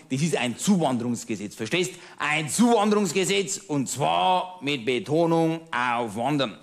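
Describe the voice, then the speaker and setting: A man's voice: on the high side, noisy background, voice pushed up. A cabaret comedian playing a bigoted, middle-aged Bavarian man who rants smugly and keeps asking "verstehst?", speaking with a Bavarian accent. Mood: scornful. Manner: ranting, self-satisfied, keeps asking "verstehst?". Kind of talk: cabaret monologue.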